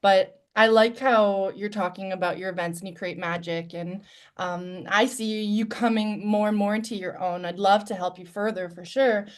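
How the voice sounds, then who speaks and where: A woman guest talking earnestly and reflectively in a candid live-stream conversation, her loudness rising and falling. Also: medium pitch, steady tone, moderate pace.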